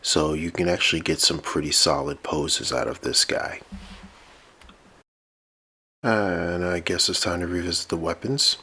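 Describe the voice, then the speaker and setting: A man giving a casual toy review, rambling with fillers and relaxed asides. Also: deep voice, a little slow, vocal fry, pauses often, slightly rough.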